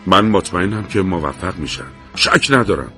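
A man doing a calm, assured field commander. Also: low-pitched, faint music behind, pitched below the performer's own voice, heavily acted.

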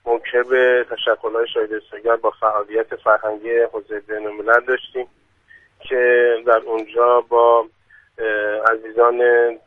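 A man's voice: mid-range voice, monotone, no echo. Man on a tinny phone line. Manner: formal, slow, many hesitant pauses. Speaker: phone-in guest. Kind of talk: radio interview over the phone.

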